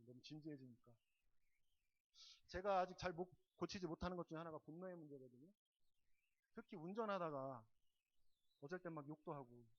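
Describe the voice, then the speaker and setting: Korean pastor preaching with surging emphasis. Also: male voice, dull audio. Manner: swings from loud emphatic stresses to soft, low asides; asks the congregation repeated questions. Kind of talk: sermon. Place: church service.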